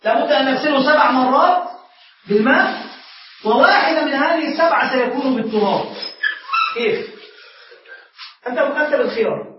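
A man's voice: extremely high pitch, expressive, fairly quick, long pauses, slight background noise. A man, a sheikh, teaching a class and asking his students questions that he then answers himself. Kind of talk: classroom lecture. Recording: echoey room, far from the mic, dull lo-fi.

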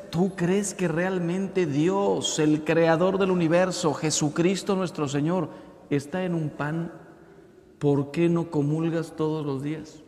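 Mexican priest preaching in an echoey hall. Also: male voice, a little high. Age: 50s. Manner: lively, acts out voices in jokes. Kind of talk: preaching talk.

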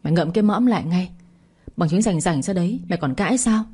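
A woman narrator voicing a grief-stricken young wife hurling fast, furious accusations, with a husky voice. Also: lowish voice, expressive, warm tone.

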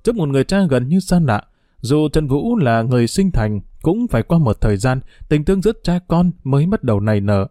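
A man narrating an audiobook novel in a steady, measured reading. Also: mid-range voice, no echo, studio quality.

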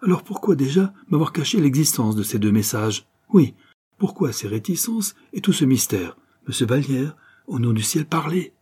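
A man's voice: mid-range voice, normal speed, dark tone, breathy edge, close to an everyday voice. A man voicing a distraught young woman, a grieving banker's daughter, in a pleading, emphatic audiobook reading.

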